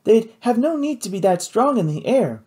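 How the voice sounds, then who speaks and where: A woman reading an audiobook, voicing an eager, impulsive young woman scientist with animated enthusiasm. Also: fairly high pitch, normal speed, voice pushed up. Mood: enthused.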